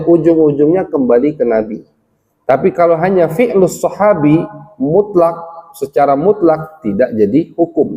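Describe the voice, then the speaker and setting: A man's voice: on the high side, warm tone. A male religious teacher giving a study lecture, quoting Arabic passages and explaining each in plain terms. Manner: explains slowly, quotes Arabic text then translates. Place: village gathering hall. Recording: long hall reverb.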